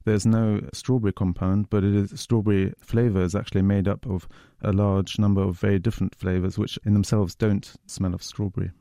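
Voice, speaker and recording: Man with a low, gravelly, flat voice. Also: no echo, studio quality. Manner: measured, explanatory, hesitant restarts. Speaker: researcher guest. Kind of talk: radio science interview.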